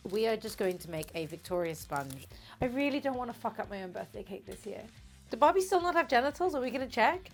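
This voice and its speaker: A woman's voice: a little high, sing-song, fast, slight background noise. A tipsy, giggly, rambling woman chatting casually as host of a comic baking vlog, sweary, self-mocking and playfully crude. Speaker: host of a comedic baking video.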